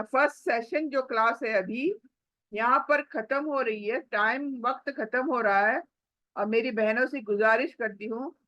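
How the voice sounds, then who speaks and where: Woman, recitation teacher: high voice, very dry recording, stretches each example slowly before explaining. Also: a bit bright, no echo, muffled recording. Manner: slow drawn-out recitation of examples, then brisk explanation. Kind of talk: online tajweed lesson.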